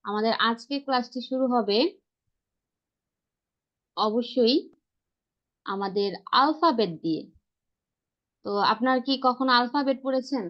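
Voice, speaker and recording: Over a video call, a woman teaches a language class, patiently repeating herself and spelling out every letter. Her voice is fairly high and a little slow, with long pauses, and the lo-fi call audio sounds dull.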